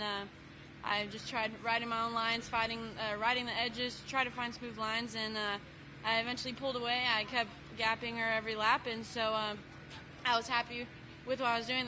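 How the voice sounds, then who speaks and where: A seventeen-year-old young woman giving a casual, hesitant, matter-of-fact podium interview. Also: a little high. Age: teens, seventeen. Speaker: race winner being interviewed. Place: outdoors at a race track. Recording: clear outdoor vehicle and ambience noise.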